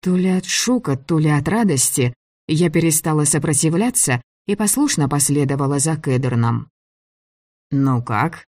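A man narrating a first-person audiobook in an even, measured way. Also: fairly high pitch, dry recording, clean studio sound. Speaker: audiobook reader.

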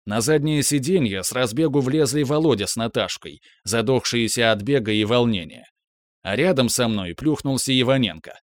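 A man reading a novel aloud in the first person, with steady, measured storytelling. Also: mid-range voice, dry recording, studio quality. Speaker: audiobook narrator. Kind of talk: first-person audiobook narration.

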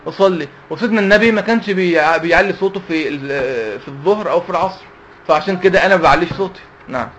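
A man's voice: high-pitched, very fast, fairly bright tone, lo-fi sound, slight background noise. A man with an Egyptian accent teaching a Quran lesson to young people, asking questions and answering them himself. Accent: Egyptian Arabic. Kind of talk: religious lesson to youth.

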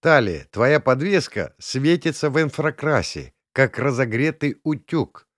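A man voicing a brisk, jaunty young man in an audiobook, pleased with himself. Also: mid-range voice, lively intonation, no echo, studio quality, pitched above the performer's own voice, natural voice. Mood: puzzled. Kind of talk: audiobook character voice.

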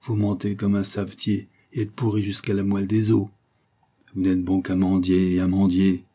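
A man's voice: deep voice, monotone, normal speed, dark tone. A man voicing an indignant lawyer who scolds a beggar sharply. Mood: scolding. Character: indignant male lawyer, stern, moralizing.

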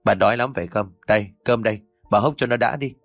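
A man's voice: fairly low pitch, fast talker, vocal fry, a bit bright, dry recording, faint music behind. A man voicing a venomous scolding daughter-in-law. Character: cruel shrill daughter-in-law, woman, middle-aged.

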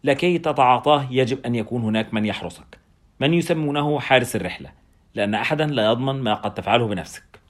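A man reads as a bearded German anesthetist, a talkative doctor who explains drug facts at a rapid clip. The lines come quick in a storybook reading, lifted a little above the narrator's own pitch. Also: lively intonation, lightly acted. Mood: explaining.

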